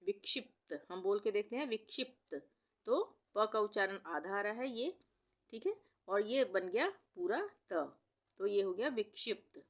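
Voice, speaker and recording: A woman teaching Hindi spelling as a voice-over, who says each word slowly and then repeats it several times. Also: medium pitch, animated. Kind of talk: spelling lesson.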